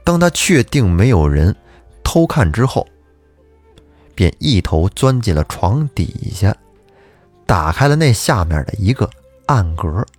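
A man narrating a folk ghost story on a podcast in a chatty, lively way, with asides to his listeners. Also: fairly low pitch, a little slow, long pauses, faint music behind.

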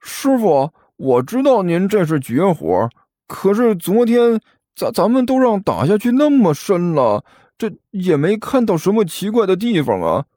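A man's voice: high-pitched, big pitch swings, measured pace, warm tone, no room sound, studio quality, voice pushed up, full character voice. A man voicing a timid, hesitant young male apprentice who stammers and speaks in a raised voice.

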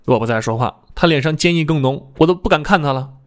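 A man narrating a first-person novel in a lively, comic storytelling manner. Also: quick pace. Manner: lively comic storytelling, jumps higher for his own quoted lines. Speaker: audiobook narrator.

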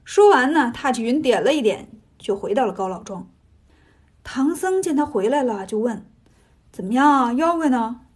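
A woman narrates a children's tale in a playful, chatty tone, bringing the action to life. Her voice is high and husky. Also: very animated, normal speed, a little mellow. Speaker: storyteller. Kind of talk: lively children's story narration.

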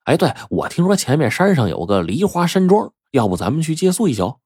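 A man's voice: fairly high pitch, very animated, brisk, darkish tone, breathy edge, no room sound, studio quality, voice pushed up, full character voice. A man voicing a chatty, easygoing young servant in a told story. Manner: talkative and coaxing.

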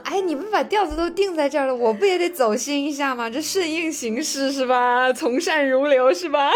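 A woman's voice: sits high, brisk, hardly any pauses, faint music behind. A woman co-hosting a casual podcast, answering in a playful, teasing way and laughing along. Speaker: podcast co-host. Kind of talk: casual chat.

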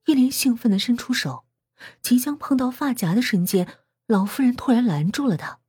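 A woman's voice: a little high, animated, normal speed, a little mellow, slightly rough, dry recording, clean studio sound. A woman narrating a spooky story in a dramatic, suspenseful way.

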